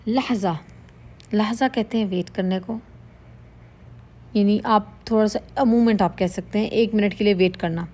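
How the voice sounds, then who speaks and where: In a steady, warm, mid-range voice, a woman explains Arabic vocabulary using Urdu and English. Each word gets a slow, patient explanation followed by a repetition.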